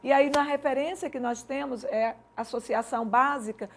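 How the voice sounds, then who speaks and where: A woman's voice: sits high, steady tone, normal speed, a little hiss or hum. A woman teacher giving a Portuguese grammar lesson for an exam-prep course, explaining step by step and often checking in with "right?". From Maranhão, Brazil. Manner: explanatory, uses rhetorical questions and checks like "certo?".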